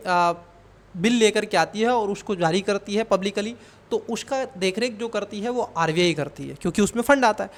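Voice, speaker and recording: A coaching teacher explaining exam questions, who calls the students child and asks and answers their own questions. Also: medium pitch.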